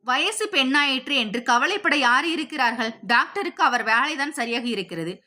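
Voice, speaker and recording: Woman voicing a sniffy middle-aged housewife in a storybook, dismissive, bright high voice. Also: animated, normal speed. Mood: scornful. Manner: scornful, dismissive. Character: sharp-tongued disdainful middle-aged housewife.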